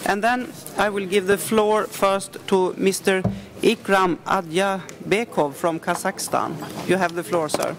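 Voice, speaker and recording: A woman chairing a formal committee session in an assembly hall, giving the floor to speakers in a brisk, procedural way. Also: medium pitch, steady tone. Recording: crowd murmur in the hall.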